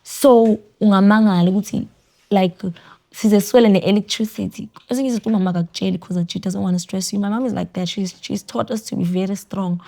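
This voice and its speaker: A young woman with a South African accent telling a personal story as a podcast guest, quiet and reflective, switching between Zulu and English. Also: medium pitch, fairly even intonation, fast talker, creaky. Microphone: studio podcast mic.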